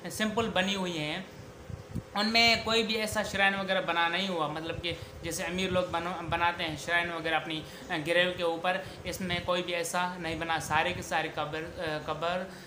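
Young male tutor with a bright voice, halting casual explanation, lapel mic in a small echoey room. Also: high voice, little pitch movement. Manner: hesitant, many fillers and restarts. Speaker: literature tutor. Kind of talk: casual spoken summary of a poem. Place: small indoor room against a wall. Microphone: clip-on lapel mic. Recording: echoey room with faint hum.

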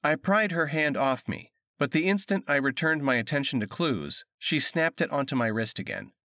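A man narrating an audiobook with expressive storytelling, recorded close on a USB condenser mic in a sound-treated home studio. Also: a little high, normal speed, dry recording.

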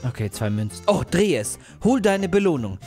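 A young man narrating a mobile game as a YouTuber, excitable and yelping in fright. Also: on the high side, normal speed, soft background music. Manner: excitable, yelps and shouts in fright. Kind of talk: let's play commentary.

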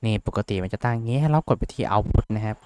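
A young man hosts a casual screen-share tutorial as a VTuber, rambling, poking fun at himself, and chatting with plenty of fillers. His voice is medium-pitched, fast, and a little mellow, with slight background noise.

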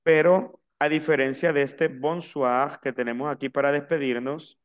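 A man teaching a French lesson in Spanish, slowly spelling out and repeating each word. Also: on the high side, steady tone, smooth. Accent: Latin American Spanish. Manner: slow, spelled-out pronunciation drills. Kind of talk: online language lesson.

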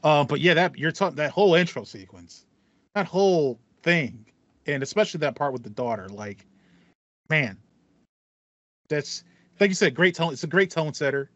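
A man in his thirties with a fairly high, slightly bright voice and lively intonation co-hosts a podcast about video games at normal speed, leaving long pauses. He rambles enthusiastically and repeats phrases. Recorded via headset on a video call in a small foam-treated home room, the audio is slightly muffled with no room sound.

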